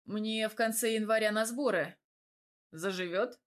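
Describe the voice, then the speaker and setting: A woman voicing a cocky young male athlete who talks calmly with a slow, teasing drawl. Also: mid-range voice, close to an everyday voice.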